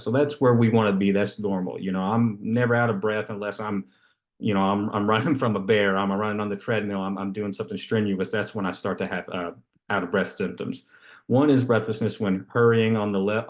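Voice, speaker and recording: A man's voice: lowish voice, a little mellow. A man giving an unscripted lecture. He explains with everyday examples and often restarts his sentences. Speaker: respiratory care lecturer.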